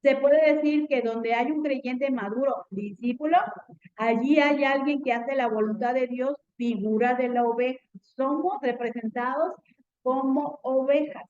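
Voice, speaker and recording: A woman's voice: high voice, measured pace, darkish tone, dull audio. A woman teaching a Bible class in an earnest tone, often checking in with her students.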